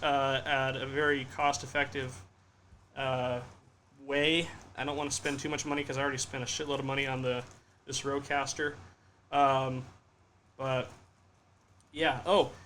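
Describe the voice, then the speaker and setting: A man's voice: mid-range voice, steady tone, moderate pace, long pauses, bright, forceful tone. A young man hosting his own podcast from home, chatting casually and rambling with lots of fillers and restarts, with a faint fan hum behind him. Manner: rambling, self-deprecating, many fillers and restarts. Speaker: podcast host. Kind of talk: casual solo livestream podcast. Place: home room in Florida with a fan running. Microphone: podcast studio microphone.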